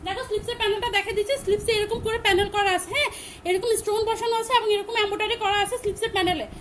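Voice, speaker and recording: Loud, high-voiced woman selling dresses live. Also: steady tone, very fast, slight background noise. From Chittagong, Bangladesh. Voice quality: loud, big voice. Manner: repetitive, emphatic, rattles off prices. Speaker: online clothing seller. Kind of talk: live-stream sales pitch.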